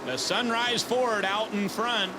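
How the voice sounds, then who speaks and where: A man's voice: sits high, fairly even intonation, slow, background noise. A man working as lead motorsport commentator, calling live races in an upbeat, polished broadcast delivery. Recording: music behind the voice.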